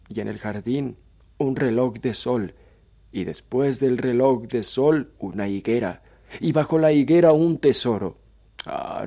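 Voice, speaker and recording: A man's voice: mid-range voice, dark tone. A man voicing a stern, mocking judge who scolds a dreamer in a declaiming tone. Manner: scornful, commanding, declaiming. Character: stern mocking male judge, middle-aged.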